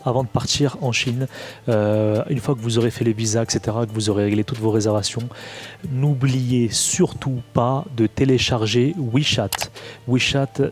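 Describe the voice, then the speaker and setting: A man's voice: medium pitch, darkish tone. A man from Morocco giving casual travel advice to his viewers, with many fillers and restarts.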